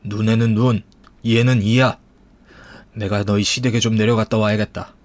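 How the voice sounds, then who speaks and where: Man doing a protective older father, firm, reassuring, steady. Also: fairly low pitch, normal speed, close to an everyday voice.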